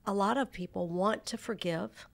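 A woman hosting a faith talk show, asking questions and murmuring steady agreement. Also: medium pitch, normal speed, creaky. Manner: warmly affirming, frequent murmured agreement. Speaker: talk show host in ministry.

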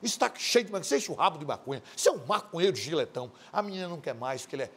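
A man hosting a TV show, delivering loud, mocking studio commentary, shouting at times and acting out quoted voices. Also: fairly high pitch, big pitch swings, very fast, breathy edge. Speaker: TV host.

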